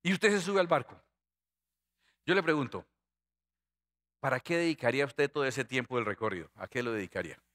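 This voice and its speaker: A middle-aged man preaching a sermon, animated and constantly asking his congregation questions. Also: mid-range voice, fairly quick, pauses often. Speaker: pastor.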